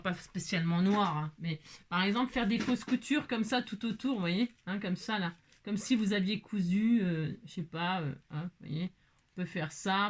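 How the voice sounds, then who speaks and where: A woman's voice: mid-range voice, fairly bright tone. A woman hosting a casual crafting tutorial, chatting freely as she works and talking half to herself, with lots of little filler tags. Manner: chatty, many filler tags, talks to herself while working.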